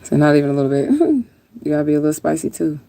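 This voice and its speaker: Talking rapid-fire with big pitch swings, a woman with a low-pitched, mellow voice casually answers viewer comments on a livestream. She rambles, stays laid-back and sometimes swears. There's no room sound.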